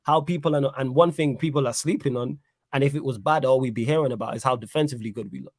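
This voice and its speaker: A man rattles through his football takes at a fast clip, pressing every point home. His voice sits in the middle range and is recorded close and dry, with no room around it. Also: medium pitch, a little mellow, no room sound. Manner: emphatic, repeats "you know what I'm saying". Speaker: football pundit. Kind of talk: casual football reaction chat.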